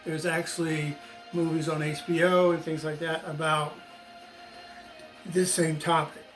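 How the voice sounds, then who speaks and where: With soft background music playing, a former teacher in his sixties from the United States lectures his channel's viewers in an opinionated, explanatory monologue. His voice is on the high side and fairly bright, with a level tone and a slightly slow pace, and he repeats phrases emphatically to drive points home.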